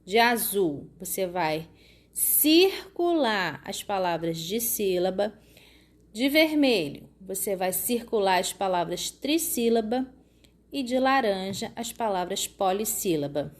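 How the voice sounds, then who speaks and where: Slow, patient woman teacher. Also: mid-range voice, expressive. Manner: slow, patient explaining with frequent "tá?" and "né?" checks; stretches out words when sounding out syllables. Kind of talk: recorded classroom lesson for children.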